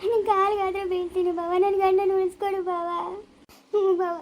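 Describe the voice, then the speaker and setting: A desperate young wife begs through tears in a village family drama, played by a woman. Her very high voice cracks as she wails and pleads. Tearful and raw. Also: steady tone, a little fast, a little hiss or hum. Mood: pleading. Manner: pleading, wailing. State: crying.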